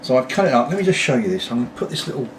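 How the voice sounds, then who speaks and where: In a sing-song, medium-pitched voice, a middle-aged British man talks rapid-fire while puffing on his pipe. This video blogger's casual home chat to camera wanders with apologetic asides. The mic is distant and the background clearly noisy.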